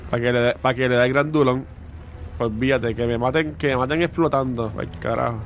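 A man's voice: mid-range voice, steady tone, fairly quick, background noise. A man with a Puerto Rican accent chatting casually during a video game, slangy and sweary, dropping English words into his Spanish. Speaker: player in a co-op video game series. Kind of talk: casual gameplay chat.

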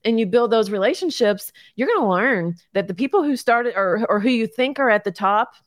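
A woman's voice: a little high, lively intonation, a little fast, dry recording, clean studio sound. A woman guest chatting casually in an interview, down-to-earth and encouraging, laughing often. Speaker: guest, realtor and short-term rental owner.

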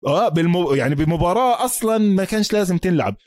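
A man's voice: sits high, lively intonation, rapid-fire, a little mellow, dry recording. A man with a Palestinian Arabic accent chatting casually about sports as a podcast host, emphatic and repeating himself, mixing in English terms.

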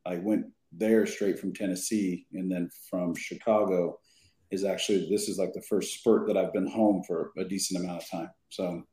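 A man talking about his detailing work as a podcast guest, in a lively way with many fillers. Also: deep voice, moderate pace, echoey room. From Southern California. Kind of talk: casual podcast chat. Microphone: remote podcast call.

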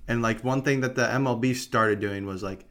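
A man's voice: medium pitch, a little fast, a bit bright. A man hosting a podcast, chatting casually and thinking aloud about hockey schedules. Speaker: podcast host. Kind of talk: casual sports chat.

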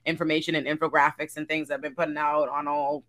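A woman co-hosting a casual panel chat, talking in an animated, chatty way. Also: deep voice, quick pace, noisy background. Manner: animated, chatty, plugs her own work. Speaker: panel co-host.

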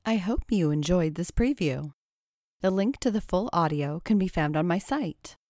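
A woman's voice: lowish voice, animated, normal speed, dark tone, dry recording. Woman narrating a story, dry sound.

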